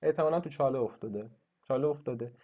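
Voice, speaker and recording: Mellow-voiced man teaching a coding lesson. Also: medium pitch. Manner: thinking aloud with frequent fillers and restarts. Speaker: university lecturer. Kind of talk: screen-recorded coding tutorial.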